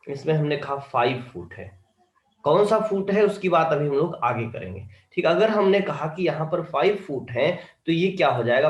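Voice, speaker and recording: A man's voice: fairly high pitch, echoey room, dull audio. A male teacher, giving an online lecture and often checking whether students have understood. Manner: keeps asking students if they understood.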